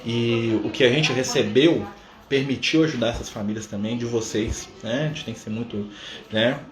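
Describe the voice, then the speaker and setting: A man's voice: mid-range voice, soft background music. Brazilian man in an echoey room. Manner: conversational, fills pauses with a questioning "né?". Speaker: spiritist study group leader. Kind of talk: live-streamed study talk. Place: room at a community center.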